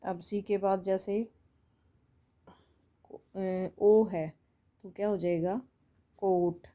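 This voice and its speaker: A woman's voice: medium pitch, level tone, drawn-out words, mellow, muffled recording. A woman with an Indian accent teaching English phonics online, explaining patiently and repeating each sound.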